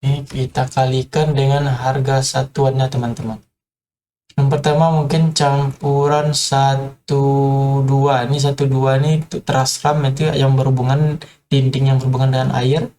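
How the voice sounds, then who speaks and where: A man's voice: medium pitch, flat delivery, normal speed, warm tone, slight background noise. A man giving an informal tutorial on construction, talking hesitantly with many filler sounds and addressing viewers as friends. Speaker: construction explainer.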